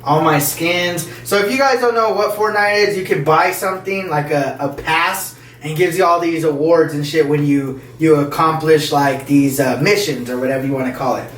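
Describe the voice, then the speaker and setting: A man's voice: on the high side, moderate pace, few pauses, fairly bright tone. A man hosting a podcast, telling a rambling, profane story in casual chat, recorded at home. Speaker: podcast host. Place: room in a house. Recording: echoey room, mic at a distance, faint noise.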